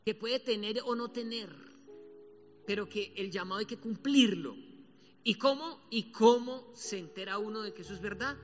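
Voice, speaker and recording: A man with a Colombian accent preaching a sermon as a pastor, colloquial and animated, acting out quotes as he tells stories. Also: high-pitched, moderate pace. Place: church. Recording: church hall reverb, dull sound, soft music behind.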